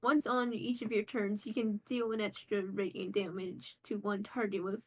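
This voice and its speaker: A woman's voice: mid-range voice, level tone, moderate pace, a little mellow, low-quality recording. A woman playing a tabletop game, reading out abilities in a hesitant way with many restarts. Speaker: player. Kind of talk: tabletop role-play chat.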